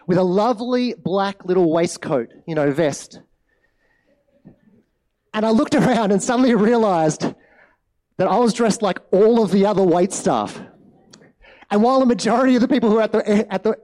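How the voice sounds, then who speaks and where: A man delivers a sermon as a relaxed personal story. His voice sits high for a man, and he talks in a chatty, rambling way full of fillers. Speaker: preacher.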